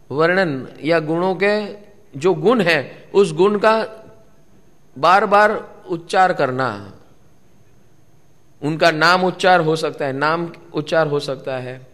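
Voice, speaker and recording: A man's voice: a little high, a bit bright. A man giving a spiritual discourse to a live gathering, repeating key words and putting questions to his listeners. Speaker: spiritual teacher. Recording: long hall reverb.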